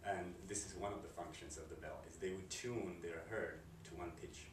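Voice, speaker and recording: Man with a Slovak accent, very low voice, hesitant interview answers, echoey room, distant noisy recording. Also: fairly even intonation. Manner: halting, full of fillers and restarts. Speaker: composer and curator. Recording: roomy, distant mic, noisy background.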